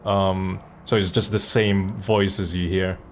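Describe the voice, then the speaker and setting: A low-pitched man speaks slowly with little pitch movement, and there's a faint hiss or hum. He's a streamer and comic dub voice actor chatting casually on a livestream, thinking aloud in hesitant bursts.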